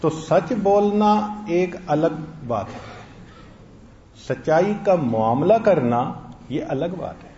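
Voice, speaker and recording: A man's voice: on the high side, expressive, warm tone, a little hiss or hum. A man giving a sermon, telling stories and acting out the quoted lines of the people in them. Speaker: preacher. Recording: echoey, dull lo-fi sound.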